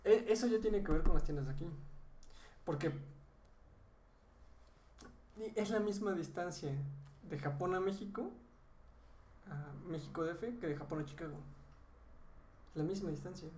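A man with a Mexican Spanish accent co-hosting a podcast, explaining at length in casual chat, his pitch jumping up when he gets animated. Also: normal speed, pauses often, distant mic. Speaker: podcast co-host. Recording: echoey room, faint ambient noise.

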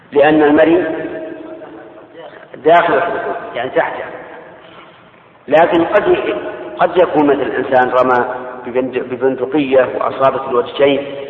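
An older man lectures to his students on Islamic law, measured and explanatory, pausing to take their questions. His voice sits at an ordinary pitch for a man. It comes through a tinny, phone-like old recording with the long echo of a large hall. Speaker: Islamic scholar teaching a class.

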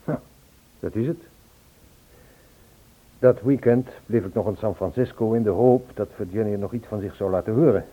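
Speaking at a moderate pace with long pauses in a lowish voice, an actor portrays a man anxiously and insistently looking for a woman who has gone missing. It's a husky, phone-like old Dutch radio play, and he recounts things in a troubled mood.

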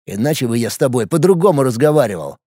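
A man voicing a hot-tempered, resentful young man in an audiobook, snapping and shouting bitterly. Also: mid-range voice, very animated, quick pace, dry recording, studio quality. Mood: threatening. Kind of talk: audiobook character voice.

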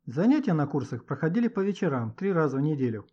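A man narrating a children's story in an expressive, scripted reading. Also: a little high, fast talker. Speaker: audiobook narrator. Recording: dull lo-fi recording.

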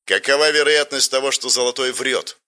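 A man's voice: medium pitch, a little fast, pushed and bright, pitched above the performer's own voice, close to an everyday voice. Audiobook: a stern, arrogant male special-forces commander who barks orders , read by the narrator. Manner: barking, commanding.

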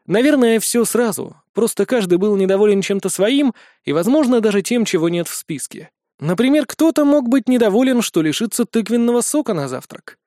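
High-voiced man narrating an audiobook. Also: expressive, a little fast, mellow, dry recording, clean studio sound. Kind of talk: scripted first-person audiobook narration.

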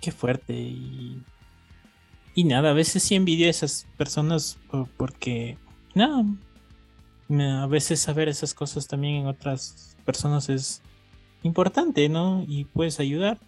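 A man co-hosting a podcast, speaking calmly and agreeably over a video call as he thinks aloud. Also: on the high side, a little slow, vocal fry, faint music behind. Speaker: podcast co-host. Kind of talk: casual chat.

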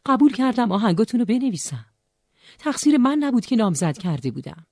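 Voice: medium pitch, sing-song, no room sound, clean studio sound. A narrator voicing a weary, defensive young woman, a former singer, in an audiobook. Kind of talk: audiobook character voice.

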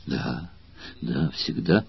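A man with a husky voice reading the lines of a devoted, tormented gladiator in an audiobook, earnest and trembling with emotion. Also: low-pitched, normal speed, dry recording, dull audio.

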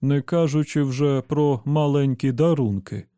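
A self-satisfied robot servant with a prissy, sanctimonious manner speaks slowly, as a man puts him on. The voice is dark and mellow, recorded close and dry like a storybook audiobook. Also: medium pitch, no echo, pitched above the performer's own voice, close to an everyday voice. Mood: smug. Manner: self-satisfied, prim, falsely caring. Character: smug pious male robot servant.

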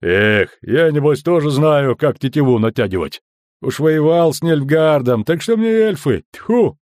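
A man doing a gruff, blustering customs officer. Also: fairly high pitch, expressive, measured pace, no echo, clean studio sound, voice pushed up. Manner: loud, blunt and scornful.

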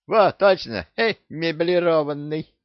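A man voicing a cheeky, boastful male parrot who bullies the crew, with a shrill, cocky, bossy manner. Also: slow pace, dry recording, highs cut off.

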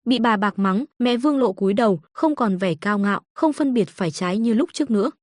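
A woman's voice: mid-range voice, lively intonation, a little fast, no echo. Woman narrating a comic story, dry sound.

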